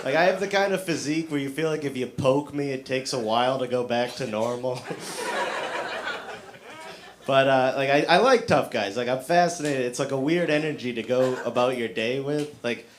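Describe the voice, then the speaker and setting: A man from Massachusetts' South Shore performs a stand-up set on a club stage, speaking at normal speed in a mid-range voice. His delivery is self-deprecating and packed with fillers and acted-out quotes, and the live club recording is noisy.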